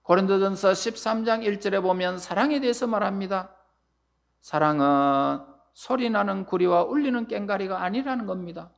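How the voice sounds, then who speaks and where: A man's voice: high-pitched, vocal fry, fairly bright tone. A male pastor preaching a sermon in church, pressing words with rising emphasis and letting phrase endings fall away. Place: church sanctuary.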